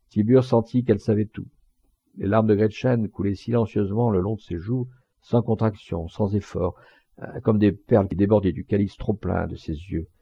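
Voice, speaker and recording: Man, audiobook narrator, gravelly, very dark tone, measured expressive reading, muffled dry recording. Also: fairly low pitch, no room sound.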